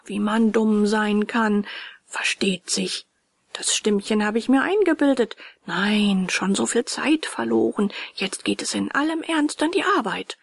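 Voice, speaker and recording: A woman voicing a timid old male carpenter who stammers and mutters to himself in a breathy, half-whispered voice. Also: medium pitch, animated, unhurried, no room sound, clean studio sound, full character voice. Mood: nervous bluster.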